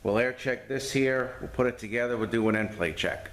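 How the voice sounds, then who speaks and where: Speaking briskly in a medium-pitched, fairly bright voice, a man demonstrates a transmission repair, teaching it informally step by step like a hands-on mechanic. It's recorded from a distance in an echoing room with faint noise.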